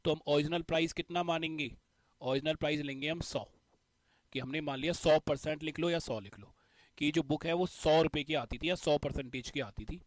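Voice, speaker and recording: Man teaching math step by step, higher-pitched. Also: no room sound. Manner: explains step by step, repeats key points. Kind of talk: exam-prep math lesson.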